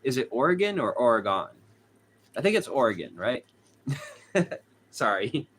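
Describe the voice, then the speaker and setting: Unhurried, with big swings in pitch, this mid-range, slightly bright male voice has a little hiss or hum behind it. The speaker is a young true crime host with a Boston accent, casually livestreaming from a hot room at home, reading viewers' comments out loud and frequently laughing.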